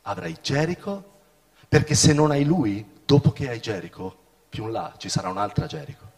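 Middle-aged male preacher, fiery sermon delivery with big swings in volume, lively pitch, recorded in a reverberant hall. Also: moderate pace, vocal fry. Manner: impassioned, swings from shouting to hushed.

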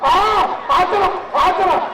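A very high-pitched man calls a bull-taming event through a megaphone and belts out repeated cheers and counts. His amplified voice echoes from far off across an outdoor arena. A loud crowd roars behind him. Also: fairly even intonation, takes it slowly, background noise. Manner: shouting repeated cheers, urging and counting the riders. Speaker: bullfight announcer. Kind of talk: live event commentary over a PA. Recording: echoey loudspeaker audio from afar, loud crowd.

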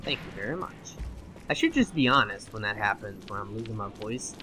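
A young man doing let's play commentary, excitable and swearing at the game, his voice going hoarse. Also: lowish voice, fairly quick, very noisy. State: losing his voice. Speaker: gaming channel host.

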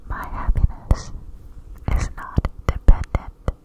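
A young adult woman gives an encouraging ASMR pep talk in a breathy whisper, repeating affirmations deliberately, very close to the microphone. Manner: slow, deliberate, repetitive, encouraging. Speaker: ASMR host. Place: small room indoors. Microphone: desktop microphone, very close with hands cupped around it.

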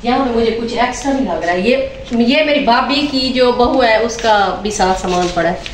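A woman's voice: fairly high pitch, moderate pace. A middle-aged woman from Pakistan with a Pakistani Urdu accent, chatting to viewers as she gives a casual tour of a village house and its rooftop. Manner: chatty, addresses viewers as friends, points things out. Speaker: vlogger. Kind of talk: casual home tour vlog. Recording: roomy sound with clear background noise.

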